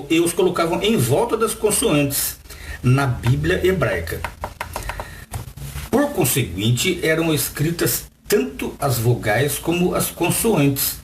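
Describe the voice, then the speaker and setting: A Brazilian man with a slightly high voice that bounces up and down reads a Bible text aloud and adds commentary. He's a lively teacher who asks the listener rhetorical questions, recorded with roomy echo and faint background noise.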